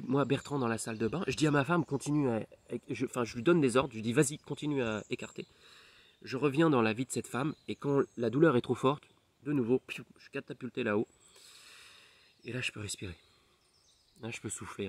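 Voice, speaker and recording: With a mid-range voice and no room sound, a male hypnotherapist tells a personal story in French. His testimony is full of fillers and restarts, and he often drops to a near whisper.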